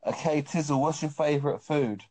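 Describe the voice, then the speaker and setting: A man's voice: a little high, fairly quick, darkish tone, no echo. A man chatting casually with friends, teasing and joking. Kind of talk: casual chat.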